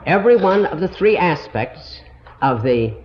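A man giving a slow, deliberate Bible lesson to a congregation, heard on an old, muffled tape recording. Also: fairly high pitch, very animated, a little hiss or hum. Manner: slow, deliberate, explanatory teaching. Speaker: Bible teacher.

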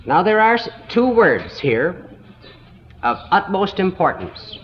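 A man teaching a Bible school lesson in a slow, deliberate way, stopping to spell out words letter by letter, heard on an old 1960s tape recording. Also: high-pitched, very animated, highs cut off, slight background noise.

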